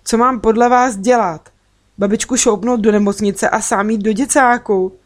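Woman doing a worn-out boy, touchy, yells when cornered, storybook reading. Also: fairly low pitch, lightly acted. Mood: shouting angrily. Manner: defensive, angry shouting. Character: upset boy, proud and worn out.

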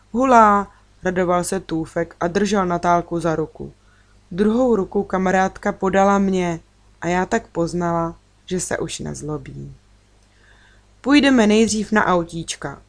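Female narrator, low-ish voice, gentle children's story reading. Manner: gentle storytelling, lifting her voice for children's lines. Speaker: audiobook reader.

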